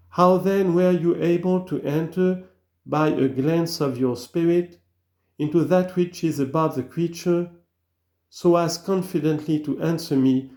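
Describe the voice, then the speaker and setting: A man giving a slow, earnest reading of an old sermon, full of rhetorical questions. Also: fairly high pitch, darkish tone, echoey room. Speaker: reader of sermons.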